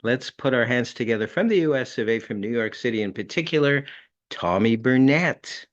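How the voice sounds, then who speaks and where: A man hosting an online magic show, giving effusive, halting thanks and introductions. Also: mid-range voice, animated. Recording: dull lo-fi online audio.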